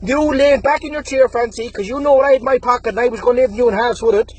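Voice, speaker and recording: This angry rant to camera comes from a young Irish man in his twenties whose voice is extremely high and a little mellow, delivered at a quick pace. Aggressive and taunting, he threatens a rival and repeats the target's name again and again. The recording is low quality.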